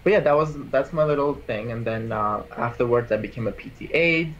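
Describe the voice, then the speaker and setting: A man's voice: medium pitch, brisk, a bit bright, lo-fi sound, a little hiss or hum. A man in his twenties, born in Armenia, talking casually as an interview guest and rambling with lots of "like" and restarts. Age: 20s. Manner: rambling, heavy use of "like" and restarts. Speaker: interview guest, PA school applicant.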